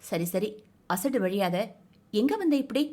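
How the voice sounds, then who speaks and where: A woman's voice: medium pitch, lively intonation, unhurried, mellow. A woman voicing a curt, impatient young wife. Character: young married woman, brisk and dismissive.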